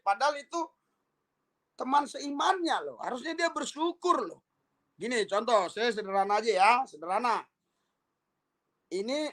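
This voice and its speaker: A man speaking as an evangelist in a casual monologue. His tone is calm and persuasive, and he keeps checking in with the listener through tag questions. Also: high voice. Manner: conversational, full of tag questions and repeated "ya".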